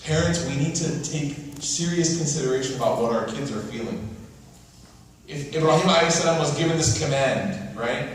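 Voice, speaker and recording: A man's voice: a little high, lively intonation, normal speed, recorded from a distance, slight background noise. Man preaching in an echoey hall. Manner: conversational, keeps asking "right?". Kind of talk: sermon-style lecture.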